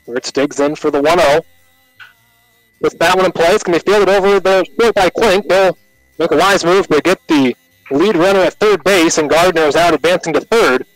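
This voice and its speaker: A man with an American accent calling live baseball play-by-play on the radio in short, measured announcer phrases. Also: fairly high pitch, no room sound, soft background music, low-quality recording.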